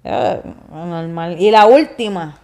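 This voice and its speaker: A woman's voice: fairly low pitch, slow pace, dark tone. A young woman with a Puerto Rican accent co-hosting a casual chat, teasing her partner and laughing often. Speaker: podcast co-host.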